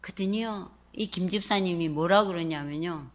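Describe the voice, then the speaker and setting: A woman's voice: fairly low pitch, normal speed. A woman pastor with a Gyeongsang accent preaching a storytelling sermon, acting out the quoted speech. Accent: Gyeongsang Korean. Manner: animated, acts out quoted speech.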